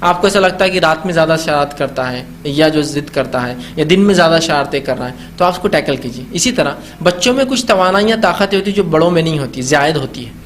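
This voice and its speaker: A man's voice: on the high side, animated, fast talker, slight background noise. A male Islamic preacher giving a conversational religious talk on parenting, often asking rhetorical questions and briefly acting out what parents say to children. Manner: acts out parents' voices when talking to children.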